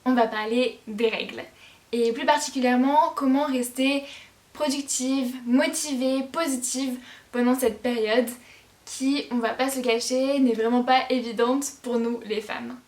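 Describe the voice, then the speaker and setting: A woman's voice: high voice, fairly even intonation, measured pace, darkish tone. A teenage woman vlogging to her viewers in a chatty, reassuring way, with frequent hesitations. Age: teens. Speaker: lifestyle vlogger. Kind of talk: casual talk to camera. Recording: roomy echo.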